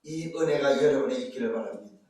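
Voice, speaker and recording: In an echoey church sanctuary, picked up by a distant mic, a pastor delivers an emphatic sermon packed with rhetorical questions to the congregation. His mid-range voice is darkish in tone and quick in pace.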